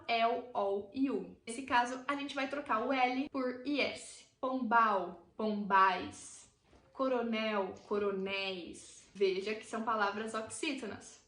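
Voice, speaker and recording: A woman with a Brazilian Portuguese accent teaching a grammar lesson, clearly and deliberately, drawing out the example words. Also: a little high, a bit bright. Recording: echoey room.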